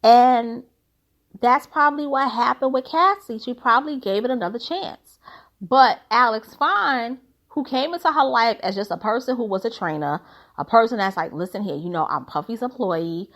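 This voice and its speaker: A woman's voice: a little high, animated, moderate pace, a bit bright. Blunt, emphatic woman giving casual commentary.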